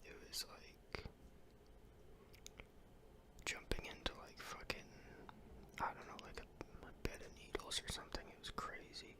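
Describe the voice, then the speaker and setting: ASMR whisper vlogger, fully unvoiced breathy whisper, loose chatty rambling, swears freely, close mic. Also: unhurried, pauses often. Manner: rambling and casual, with ums, swearing and restarts. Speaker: YouTuber. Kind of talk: ASMR whisper about their day.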